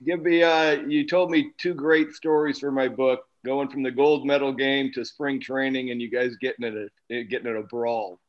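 A man's voice: mid-range voice, level tone, moderate pace, hardly any pauses, dull audio. A man co-hosting a podcast, chatting casually and friendly while steering the conversation. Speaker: podcast co-host. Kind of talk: casual chat.

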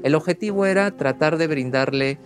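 A man's voice: fairly high pitch, a little fast. A man who works as a veterinarian, explaining things in a matter-of-fact way in an interview. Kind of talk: recorded interview. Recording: faint music bed.

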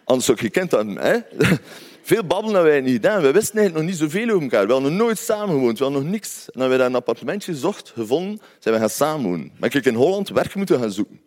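A man's voice: medium pitch, sing-song, very fast, darkish tone. A man from Ghent with a Flemish accent, telling a personal story in a conversational way with wry asides to his listeners. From Belgium, Ghent.

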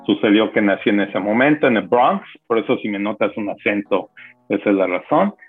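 A man in his sixties with a Mexican accent, a guest calmly telling his life story in an interview. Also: fairly low pitch, slightly rough. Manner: unhurried, reflective storytelling with pauses. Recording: phone-like narrow audio with music.

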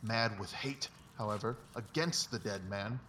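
A man's voice: on the low side, measured pace, bright, forceful tone. Distant-sounding Sherlock Holmes, precise and confident man acting. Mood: intent reasoning. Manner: precise, didactic, emphatic. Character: confident, analytical Victorian male detective. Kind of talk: dramatised literary audiobook dialogue. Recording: distant mic, faint background noise.

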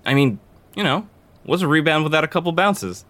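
A man's voice: fairly high pitch, big pitch swings, a little fast, a bit bright, a little hiss or hum. A man as a rambling, lovesick young guy. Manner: rambling, nervous and self-deprecating. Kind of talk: audio drama acting.

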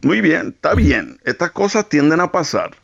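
A man, a doctor guest on a radio show, giving calm, reassuring medical advice. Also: on the high side, moderate pace, creaky, muffled recording.

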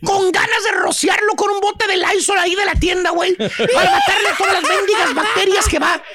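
A man's voice: very high-pitched, lively intonation, fairly quick, crowd noise. A man with a Mexican accent hosting a comedy radio show, telling slangy comic stories in a boisterous, exclamatory way. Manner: boisterous, exclamatory, often shouting and laughing.

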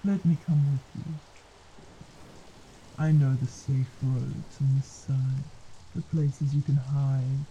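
An actor playing a sly, mocking male spirit that speaks as a disembodied voice, teasing and smooth. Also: medium pitch, flat delivery, slow pace, long pauses, warm tone, muffled recording, a little hiss or hum. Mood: coaxing. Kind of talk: audio drama acting.

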